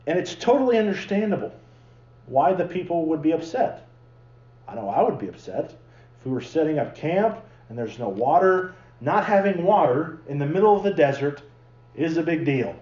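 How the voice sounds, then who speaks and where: A pastor in a church sanctuary preaches with a slightly high, very animated, somewhat mellow voice at a moderate pace, telling the story in a chatty, conversational way and acting out its characters. The room is echoey, and the highs are cut off.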